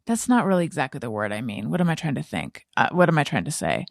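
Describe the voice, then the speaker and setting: An American woman in her forties hosts a podcast, chatting casually and often pausing to correct herself or think aloud. Her deep, gravelly voice is very animated, and she talks fast. The conversational interview chat is recorded in studio quality with no room sound.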